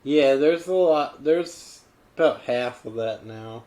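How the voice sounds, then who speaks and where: A man hosting a casual podcast, talking in a laconic, deadpan, hesitant way. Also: mid-range voice, slow. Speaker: podcast host. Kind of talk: casual chat.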